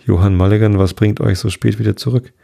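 A man's voice: lowish voice, steady tone, quick pace, vocal fry, dark tone. A man voicing a sceptical old country squire who murmurs wry remarks.

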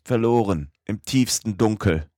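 A man voicing a desperate young man lost in the dark in an audiobook. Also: lowish voice, a little slow, no room sound, studio quality, voice pushed up, natural voice. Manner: desperate, strained.

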